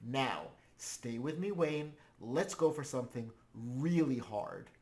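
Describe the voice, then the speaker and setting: A man's voice: medium pitch, slow, a little mellow. A man teaching a scripted language lesson, explaining each point patiently.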